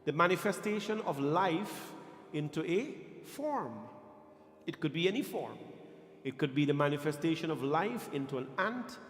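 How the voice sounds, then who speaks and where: A man's voice: a little high, animated, a bit bright. Guyanese man preaching in an echoey hall. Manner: emphatic, deliberate phrasing with questions to listeners. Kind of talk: religious discourse to a congregation. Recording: echoey hall, long reverb, faint music.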